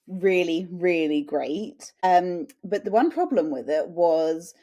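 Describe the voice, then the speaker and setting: An English woman in her late twenties, from a small Suffolk town, speaks slowly in a fairly low, mellow voice with lively intonation. She is a podcast guest chatting and recounting anecdotes in a conversational interview.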